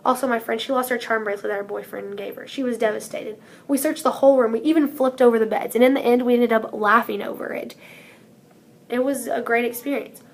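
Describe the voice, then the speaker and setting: A woman's voice: fairly high pitch, fairly even intonation, a little fast. A teenage girl gives an earnest, upbeat prepared speech as a student speaker, reading from a script. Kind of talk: prepared speech read aloud.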